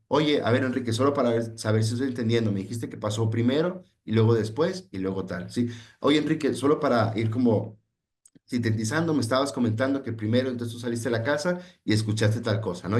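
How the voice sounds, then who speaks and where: A man's voice: on the low side, a little mellow. A man from Mexico with a Mexican Spanish accent giving an online teacher-training talk, explaining step by step with many fillers and acting out example dialogues. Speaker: lecturer on psychological first aid.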